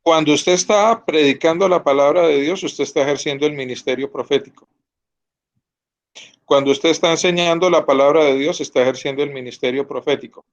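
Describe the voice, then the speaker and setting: A man leads a Bible class in a somewhat high voice. He explains earnestly and keeps asking his students to confirm they follow. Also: brisk. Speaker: Bible teacher.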